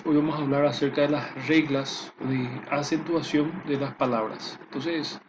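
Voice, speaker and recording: A man giving a slow, patient lesson, repeating himself often and filling pauses. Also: on the high side, fairly even intonation, noisy background. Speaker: teacher. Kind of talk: spoken lesson over slides. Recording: dull dry lo-fi voice recording.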